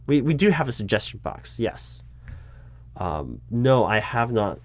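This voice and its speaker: An American man performs an improvised, one-sided spoken ASMR roleplay as a flustered, bureaucratic corporate recruiting manager addressing his disguised boss. He explains things in a halting, officious way, at medium pitch and very animated.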